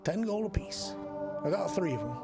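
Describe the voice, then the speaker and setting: A man voicing a gruff, folksy male potion merchant who haggles bluntly. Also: high voice, very animated, normal speed, loud music behind the voice, voice pushed up. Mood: haggling.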